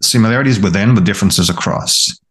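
A man's voice: fairly low pitch, fast, a bit bright. A man co-hosting an academic discussion, thoughtful and full of restarts and repeated words. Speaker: podcast co-host, college professor.

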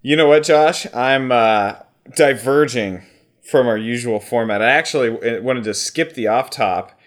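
Joking podcast guy, middle pitch, rambly and playful. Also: a little slow. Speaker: podcast co-host. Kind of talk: casual podcast chat.

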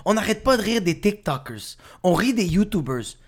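A man's voice: high-pitched, big pitch swings, normal speed. A man with a Québécois accent, a comedian chatting casually and acting out other people's lines. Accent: Québécois French. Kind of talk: casual podcast chat.

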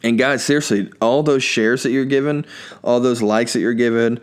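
A man's voice: mid-range voice, fairly even intonation, moderate pace, clean tone. A man hosting his own podcast as a stand-up comedian, telling family anecdotes in a loose, rambling way and thanking his listeners. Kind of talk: casual storytelling chat.

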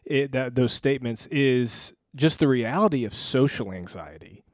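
A man's voice: medium pitch, expressive, normal speed, dry recording, studio quality. A man co-hosting a church podcast, speaking in a reflective, affirming way. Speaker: podcast co-host. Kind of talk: casual discussion.

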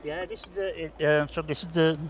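An older man, co-hosting a casual radio chat with halting, repeated words. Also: on the high side, steady tone. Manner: hesitant, stammering repetitions. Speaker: radio co-host. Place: outdoors in a busy town square. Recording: outdoor field recording, crowd noise behind.

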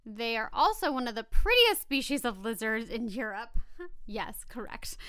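A woman co-hosting a casual animal-facts podcast, reading from notes with chatty asides and an expressive, playful way of talking. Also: fairly high pitch, normal speed, smooth, dry recording. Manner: giggly, expressive, stumbles playfully over scientific words. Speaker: podcast co-host.

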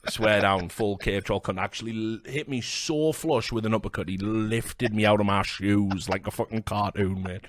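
A man in his thirties with a fairly low voice, recorded dry and close. He chats casually, spinning sweary, blokey anecdotes and acting out what people said. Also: moderate pace, few pauses, no room sound. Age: 30s. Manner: sweary, blokey, animated storytelling with acted-out quotes. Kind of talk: casual chat, telling bar-fight anecdotes.

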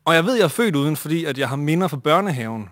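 A man telling a comic story to a live audience in an animated way, acting out the people in it. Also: fairly high pitch.

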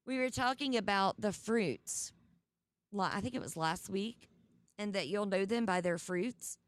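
Southern woman, host of a Bible study livestream; chatty, mid pitch, dry close sound. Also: unhurried, dry recording. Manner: chatty, conversational with fillers.

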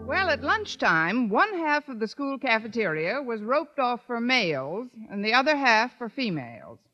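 A woman's voice: a little high, very animated, normal speed, sharp tone, soft background music. A woman playing a wry, wisecracking schoolteacher in old radio comedy, with a dry, sardonic delivery. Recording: dull vintage radio broadcast.

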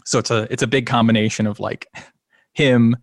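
Recorded at studio quality with no room sound, a band's singer and guitarist talks fairly fast at a medium pitch, slightly nasal. His casual interview chat is relaxed and rambling, full of restarts and little laughs.

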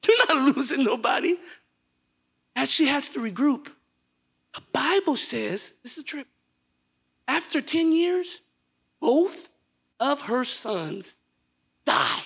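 A young man preaching a sermon in a church, calling out to the congregation and rising into shouted preaching. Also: very high-pitched, very animated, slow pace, gravelly, pauses often.

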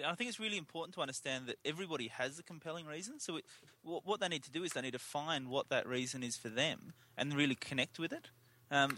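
A man's voice: medium pitch, sharp tone. A man co-hosting a casual health podcast, earnest and full of fillers. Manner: earnest, many fillers like um and you know. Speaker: podcast co-host.

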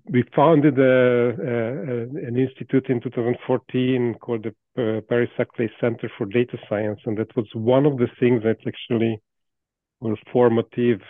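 A man in his fifties with a Hungarian accent, a guest researcher speaking in a casual interview, thoughtful and halting with many restarts and soft laughs. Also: medium pitch, dry recording. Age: 50s. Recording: dry tinny call audio.

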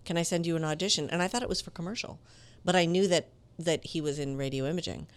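A woman voice actor, interviewed as a guest, tells animated stories from her career, acting out the quoted dialogue conversationally. Her low, smooth voice carries some authority, and she speaks fast.

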